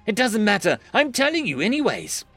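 A man voicing an excitable, tipsy young woman inventor who talks in a shrill, whiny, overexcited way. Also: a little slow, no room sound, faint music behind, full character voice. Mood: triumphant.

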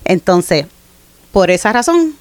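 A woman's voice: mid-range voice, very animated, takes it slowly, no echo. A woman, chatting casually as a podcast co-host and telling family stories with emphatic repeats. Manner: warm storytelling, emphatic repeats. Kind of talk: casual chat.

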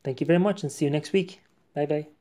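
An Iranian man hosts his own English-language podcast, speaking fast in a warm voice that leans high. It's unscripted and conversational, full of fillers and frequent restarts.

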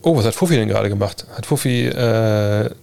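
Answering viewer questions about basketball in a casual livestream chat, this host and basketball podcaster talks in a lowish, gravelly, darkish voice at a brisk pace. His speech is colloquial and peppered with English slang and sports lingo.

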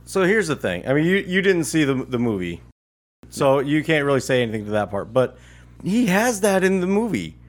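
Animated man debating on a podcast. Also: on the high side, a little fast. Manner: animated, acts out quotes, stammers. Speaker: podcast co-host. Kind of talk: casual discussion.

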